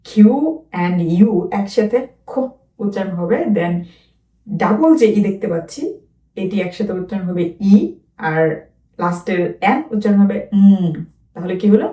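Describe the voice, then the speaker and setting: A woman leads a children's phonics lesson, stretching out and repeating each letter sound. Her voice sits at an ordinary pitch and carries a roomy echo. She is heard from a little way off the mic. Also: mellow, distant mic. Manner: slow, drawn-out repetition of letter sounds. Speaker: phonics teacher.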